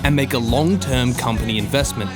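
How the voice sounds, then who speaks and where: A man giving dry, deadpan scripted narration in a mock-corporate tone. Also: medium pitch, a little fast, over loud music.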